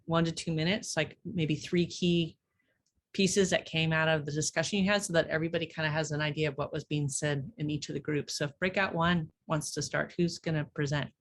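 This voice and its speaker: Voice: mid-range voice, steady tone, a little fast. A facilitator on a video call, casually guiding a community meeting into group report-backs. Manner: casual, with fillers. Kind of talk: running an online community meeting.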